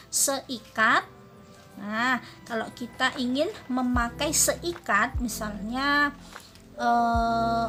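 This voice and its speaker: A woman teacher with an Indonesian accent, a native Indonesian speaker, leads a classroom vocabulary lesson, repeating each phrase and then explaining it. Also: sits high. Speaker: English teacher.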